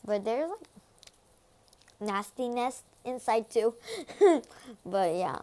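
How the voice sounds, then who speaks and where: A woman films a casual ASMR eating vlog on a phone, speaking slowly in a slightly high voice. She is chatty and giggly, slipping into whispers between loud, delighted reactions. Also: lively intonation. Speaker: vlogger.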